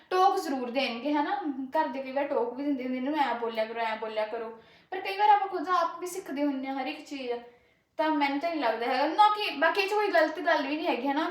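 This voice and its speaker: A young woman with a rural Punjabi accent talks fast in a high, bright voice, rambling from one thought to the next and tagging her sentences with little fillers. She sounds like she is chatting as she cooks. The kitchen around her rings with echo. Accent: rural Malwa Punjabi. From Punjab, India. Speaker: cooking vlogger. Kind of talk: casual chat while cooking. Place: home kitchen.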